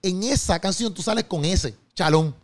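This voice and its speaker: Male host, casual and chatty, slightly high voice, lots of slang and restarts. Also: normal speed. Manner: chatty and animated, full of restarts, "loco" and "papi". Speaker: host, interviewer. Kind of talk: casual chat.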